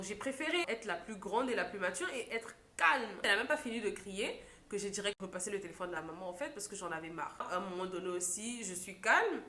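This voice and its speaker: A young woman, a makeup artist, telling a story in a lively vlog style and acting out what others said. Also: mid-range voice. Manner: animated storytelling, acts out quotes. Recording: echoey room.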